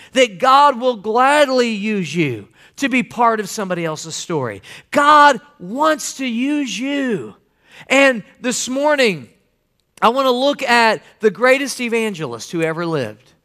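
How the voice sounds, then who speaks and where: High bright-voiced preaching man. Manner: animated preaching, acts out quotes loudly; folksy asides with "amen?" and "man". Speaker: pastor. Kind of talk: sermon.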